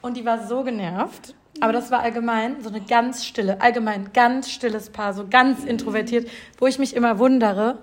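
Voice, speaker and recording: A young woman in casual chat, telling a story with animated quoted voices and frequent laughter. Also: a little high, normal speed, few pauses.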